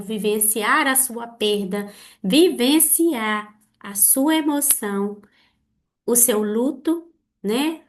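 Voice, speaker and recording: Slow-speaking earnest Brazilian woman. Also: a little high. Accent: Brazilian Portuguese. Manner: earnest, repetitive rhetorical questions, slow halting delivery. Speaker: therapist podcast host. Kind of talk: reflective monologue addressing listeners.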